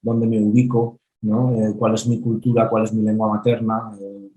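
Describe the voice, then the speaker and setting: A film director appears as a guest, giving a reflective interview answer in a measured, thoughtful way, often hesitating with "eh." He is from the Valencian Country in Spain, speaks Valencian as his first language, and has a low, flat voice. The recording is low quality with slight background noise.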